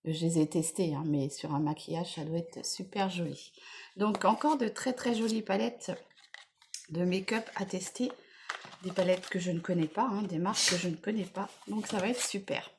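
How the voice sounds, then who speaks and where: A woman in casual vlog chat, enthusiastically presenting gifts to her viewers, repeating words and filling pauses as she goes. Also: fairly low pitch, fairly even intonation, a little mellow, a little hiss or hum. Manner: chatty, enthusiastic, many fillers and repeated words. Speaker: beauty vlogger. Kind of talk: casual unboxing chat to camera.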